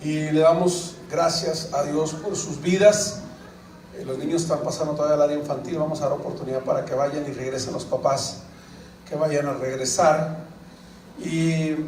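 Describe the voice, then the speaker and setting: The pastor's voice is high but darkish in tone as he preaches to his congregation, regularly questioning them and prompting replies. The sermon is recorded from a distance in a roomy, echoing sanctuary with a low murmur of people behind him.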